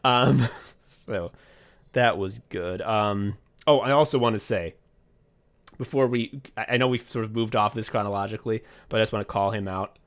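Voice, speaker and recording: In a lowish voice, the podcast co-host rambles about his time writing and directing an audio drama. It's a casual recollection full of "like" and frequent swearing, punctuated by short bursts of excitement.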